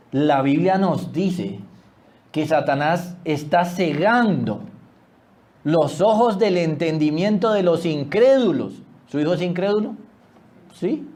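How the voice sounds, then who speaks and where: A man preaching a sermon as pastor, swinging between loud exclamations and hushed low asides.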